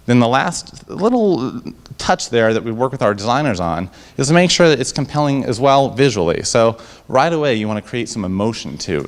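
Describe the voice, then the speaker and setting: A man pitches his startup to a live audience in an event room, then takes their questions on a handheld mic. His delivery is enthusiastic, upbeat salesman patter, and he often restarts his sentences.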